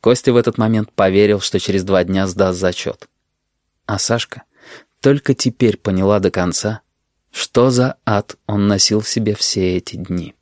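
A man narrating an audiobook in a calm, measured way. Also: on the low side, no echo, clean studio sound.

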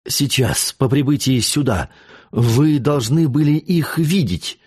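A man's voice: mid-range voice, expressive, slow pace, a little mellow, slightly rough. A man reading aloud and voicing a passionate young noblewoman in a storybook, with an impassioned, slightly raised voice. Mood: agitated. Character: fiery young woman countess, frightened.

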